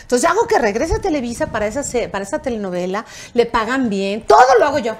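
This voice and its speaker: A woman's voice: on the high side, quick pace. An older woman with a Mexican Spanish accent, a TV producer telling anecdotes in an interview and acting out the dialogue. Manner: animated, acts out quoted dialogue with raised voice and laughter. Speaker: television producer, interview guest.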